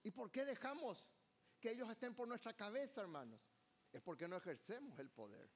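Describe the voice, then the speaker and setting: A man's voice: sits high, expressive, a little fast. A male pastor, preaching a fervent evening sermon in church and calling on the congregation to answer him. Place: church service.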